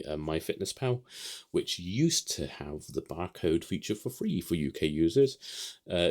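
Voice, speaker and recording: A man's voice: extremely low pitch, a little mellow. A man from the United Kingdom rambling casually through a vlog update from his home office, with lots of ums and restarts. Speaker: vlogger.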